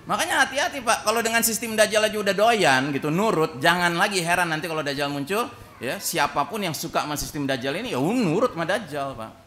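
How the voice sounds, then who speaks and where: A man gives a sermon in a mosque in a bright, ringing voice that sits a bit high for a man. He tells the story with animation, slips into quoted voices, and keeps turning to address his listeners directly. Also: animated, quick pace, slight background noise. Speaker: preacher.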